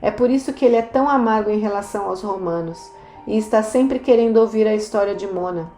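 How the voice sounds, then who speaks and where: A woman reading the lines of a wistful, resigned young woman in an audiobook, speaking softly. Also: mid-range voice, fast, close to an everyday voice. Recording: roomy echo, faint music.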